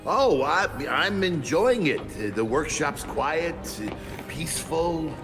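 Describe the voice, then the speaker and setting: A sarcastic workshop engineer. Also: male voice, a little high, animated. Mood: sardonic. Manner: quick sarcastic quips. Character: sardonic male engineer running a workshop. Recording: game music behind.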